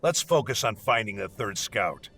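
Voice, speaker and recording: A man's voice: lowish voice, lively intonation, normal speed, vocal fry, a bit bright, heavily acted. A man playing a hostile, bossy warrior leading a scouting mission in a video game, curt and scornful. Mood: brusque, businesslike. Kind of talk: video game dialogue acting.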